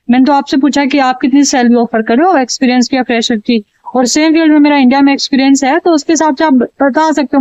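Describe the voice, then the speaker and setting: Woman vlogger, high voice, fed-up chatty rant, dry slightly dull recording. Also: a little mellow, clear, resonant tone, dry recording. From India. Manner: exasperated, chatty, repeats phrases for emphasis. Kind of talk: casual ranting vlog to camera.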